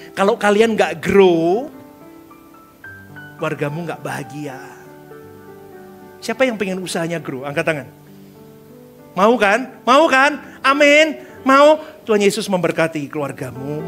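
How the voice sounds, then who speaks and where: A male pastor giving a lively sermon in church, joking with the congregation and calling for responses, dropping in English words. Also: on the high side, measured pace, pauses often, soft background music. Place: church service before a congregation.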